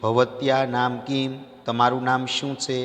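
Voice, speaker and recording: A man reading a male teacher's lines from a school textbook dialogue, slow and even, in his own ordinary voice. A long reverb trails after each phrase. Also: mid-range voice, lightly acted. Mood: plain reading.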